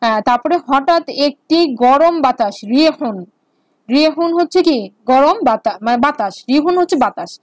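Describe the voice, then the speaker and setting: Woman, high voice, patient teacher, repeats key words, dry close sound. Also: lively intonation, normal speed, no echo. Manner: explains patiently with repetition and fillers. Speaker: Arabic grammar teacher. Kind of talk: online lecture.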